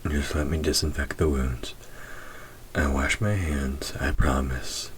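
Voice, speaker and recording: With an extremely deep, fairly even voice, a man portrays an ancient, proud male demon whose gruffness hides tenderness. The mood is gentle and soothing as he speaks slowly, deliberately and softly, nearly whispering, in an intimate audio roleplay with clear background noise.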